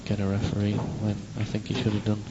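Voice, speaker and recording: Male pool commentator, low and flat, wry asides; dull lo-fi stream audio with noise. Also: a little fast. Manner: chatty, wry asides to viewers. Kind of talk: live sports commentary.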